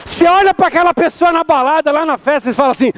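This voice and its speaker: Man, Brazilian accent, motivational speaker, animated storytelling, dramatic pauses, fairly high voice, dry sound. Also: dry recording. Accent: Brazilian Portuguese. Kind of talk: motivational talk to an audience.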